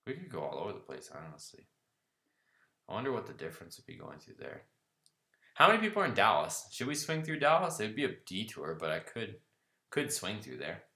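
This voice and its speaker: Deep, gravelly, yet bright and forceful, this man's voice echoes in a reverberant space. As host of a car channel livestream, he holds a casual Q&A, reading chat comments out loud and chatting back about them in a relaxed manner.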